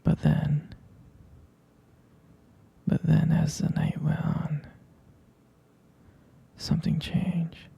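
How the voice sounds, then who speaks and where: With a husky, breathy whisper, a man acts out an intimate ASMR scene as a smitten, devoted boyfriend, hesitantly and tenderly repeating his words in a wistful mood. He is very slow and pauses often, his slightly high voice mellow and flat in delivery. The performance is heavily acted.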